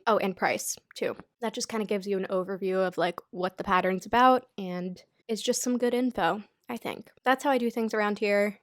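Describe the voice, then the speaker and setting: In a clean studio recording with no echo, a badly congested American knitting YouTuber in her twenties talks in a mid-range voice. Her stuffy nose doesn't stop her from casually rounding up her pattern picks for the season, poking fun at herself along the way.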